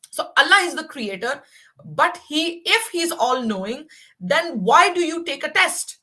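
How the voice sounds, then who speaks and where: A woman's voice: high-pitched, sharp tone. A woman in her forties talking passionately on a livestream, emphatic and repeating herself for weight. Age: 40s. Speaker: livestream guest. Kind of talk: casual livestream chat.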